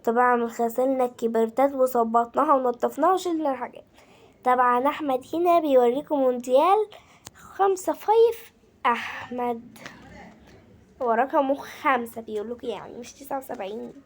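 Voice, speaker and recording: A woman's voice: sits high, fairly quick. A woman with an Egyptian Arabic accent narrating a casual home-cleaning vlog, chatting straight to her viewers as a group. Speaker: home vlogger.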